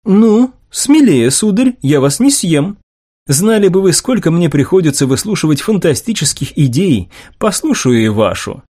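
A man's voice: fairly high pitch, very animated, warm tone, pitched above the performer's own voice. A man voicing a commanding noblewoman general, imperious and teasing in the audiobook. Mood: coaxing. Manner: condescending, teasing, brisk.

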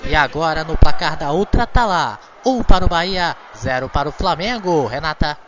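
A man's voice: a little high, animated, normal speed. A man with a Brazilian accent reporting in live radio football commentary. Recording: dull lo-fi feed, music behind.

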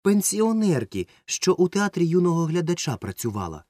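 A man's voice: a little high, very animated, moderate pace, darkish tone, no room sound, clean studio sound, pitched above the performer's own voice. A man voicing a timid young boy who stammers when caught off guard, in an audiobook. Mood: flustered. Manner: stammering, flustered. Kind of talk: audiobook character voice.

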